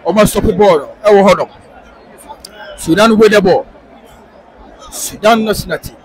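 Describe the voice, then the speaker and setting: A man with a Ghanaian accent giving live football commentary, excitable and sing-song, rising into shouts on attacks. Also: high voice, normal speed, husky, some chatter behind, rough recording. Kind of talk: live match commentary mixing English and Twi.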